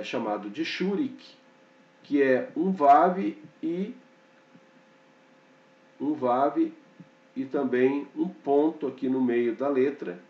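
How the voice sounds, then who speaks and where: A man teaching a slow, explanatory grammar lesson, pointing things out on a board and checking in often with short fillers. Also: medium pitch, warm tone, far from the mic. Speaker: Hebrew teacher. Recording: dull, echoey room, off-mic.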